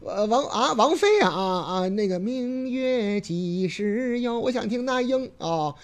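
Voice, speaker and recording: A man's voice: very high-pitched, sing-song, normal speed, vocal fry, heavily acted. A man voicing a flustered plump young woman who stammers breathlessly in panic. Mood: eager.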